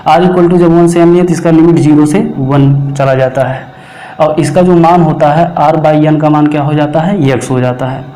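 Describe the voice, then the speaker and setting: Math teacher guy lecturing, keeps asking and answering his own questions, slightly high mellow voice, echoey room. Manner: rhetorical questions answered himself, dictating formulas slowly. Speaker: mathematics teacher. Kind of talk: classroom lecture explaining problems.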